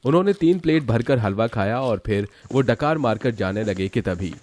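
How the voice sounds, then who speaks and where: A man narrating a cartoon story in a steady, dramatic storytelling manner. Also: mid-range voice, normal speed.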